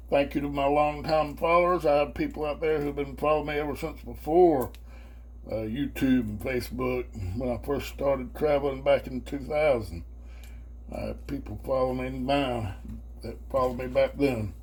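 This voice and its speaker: A man chatting casually and colloquially as he hosts a homemade cooking demonstration. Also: mid-range voice. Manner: folksy, colloquial, with y'all and homespun phrases. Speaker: host of a home cooking video channel. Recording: faint background noise and hum.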